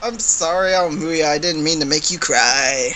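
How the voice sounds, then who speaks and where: Giggly flustered woman, bright voice. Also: low voice, normal speed, slight background noise. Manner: giggly, flustered, stumbling over restarts. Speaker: voice actor recording lines. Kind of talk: casual blooper-filled recording session.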